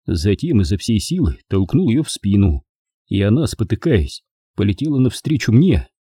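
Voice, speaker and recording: A male narrator reads a first-person crime story with a husky, mellow voice. His delivery is animated, with pitch moving over a wide range. The recording is dry and close. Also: moderate pace, dry recording. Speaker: audiobook narrator.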